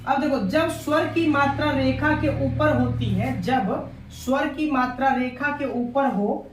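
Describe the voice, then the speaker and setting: A man teaching an online exam-prep language lesson, asking questions and answering them himself, repeating key points. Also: very high voice. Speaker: Hindi teacher. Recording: echoey room with faint noise.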